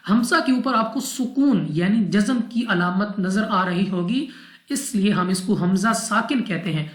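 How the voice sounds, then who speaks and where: A woman from Pakistan teaching Quran recitation rules, methodically repeating each rule step by step. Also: medium pitch. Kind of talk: tajweed lesson explanation. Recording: roomy echo.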